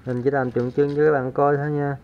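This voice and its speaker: A man talks through a fishing tutorial in a relaxed way, counting aloud as he works, his voice staying flat and even. The sound is dull and lo-fi, picked up on a camera mic worn on his body while he works at a table. Roosters and birds crow faintly in the background. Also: mid-range voice, quick pace, slight background noise. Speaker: fishing channel host. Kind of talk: casual hands-on tutorial.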